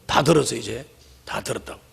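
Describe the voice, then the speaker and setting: A man's voice: medium pitch, fairly quick, vocal fry, breathy edge. A man preaching a sermon as pastor, who talks straight to his congregation and acts out the grumbling crowd in mocking voices. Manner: speaks casually and directly to congregation. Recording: long hall reverb.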